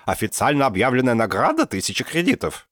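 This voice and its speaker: A man voicing an excitable, theatrical professor in his sixties who rolls his R softly, in an audiobook. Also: medium pitch, quick pace, dry recording, clean studio sound, pitched above the performer's own voice. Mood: theatrical haggling. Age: 60s. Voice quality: soft burred R. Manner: theatrical, exclamatory. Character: excitable old male professor, theatrical and haggling. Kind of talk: audiobook character voice.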